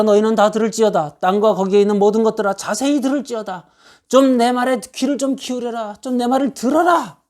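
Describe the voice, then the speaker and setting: A man's voice: high voice, darkish tone. A man preaching a sermon as pastor, reading scripture verses and pressing his point with rhetorical questions and repeated lists. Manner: quotes scripture verses aloud. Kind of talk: expository sermon.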